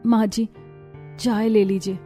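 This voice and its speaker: Lady doing timid young bahu, slow mellow pleading voice, faint music. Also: medium pitch, level tone, lightly acted. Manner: pleading, soft. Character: meek young daughter-in-law, timid, tearful.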